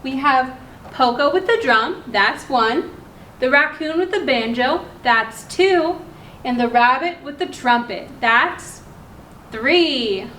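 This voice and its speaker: Reading a story aloud to young children at a library, this female host speaks unhurriedly and simply, stopping to put questions to her listeners as she teaches. She sits high in pitch and sounds expressive, with a sharp tone. There's a roomy echo and clear noise in the background.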